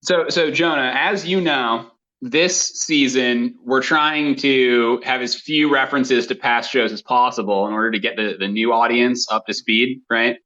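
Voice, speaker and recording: A man's voice: mid-range voice, steady tone, unhurried, pushed and bright. A man co-hosting a podcast while talking over the phone, bantering in a playful, mock-serious way. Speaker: podcast co-host. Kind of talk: casual comedic banter. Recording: muffled lo-fi phone audio.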